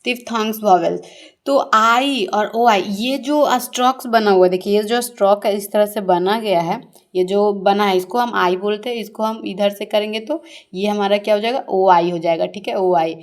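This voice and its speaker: A woman teacher goes through a shorthand lesson step by step. She asks her pupils a question, then answers it herself, and draws out each key word slowly so they can follow. Her voice sits at an ordinary middle pitch. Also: darkish tone. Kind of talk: classroom-style shorthand lesson.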